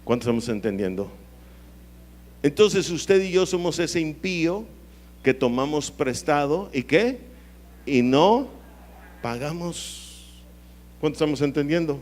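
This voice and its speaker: A man, preaching a sermon and drawing answers from the congregation, at times rising into a high, pleading voice. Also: animated, unhurried, pauses often, a little mellow. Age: 50s. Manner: call-and-response with the congregation; dramatic swings into high pleading voice. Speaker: pastor.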